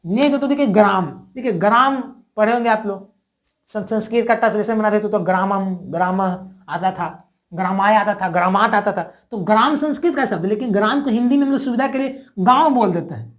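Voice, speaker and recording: A woman's voice: fairly high pitch, animated, fast. A woman teaching a grammar lesson, who repeats each word and keeps asking her viewers questions.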